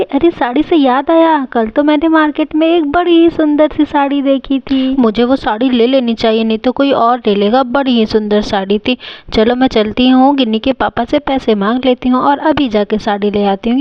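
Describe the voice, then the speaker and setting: A woman's voice: high voice, normal speed, no room sound, natural voice. A woman voicing a fretful village mother who pleads and sobs in a doll-play story. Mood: pleading. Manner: pleading, dramatic, sobbing. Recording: dull lo-fi home recording.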